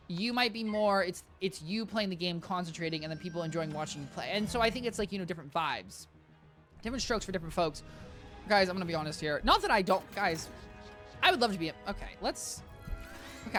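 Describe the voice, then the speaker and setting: Talking to chat during a live stream, this streamer has a squeaky, high-pitched voice and keeps rambling, frequently stopping to correct themselves. A desk microphone with compression gives the casual chatter a slightly bright edge.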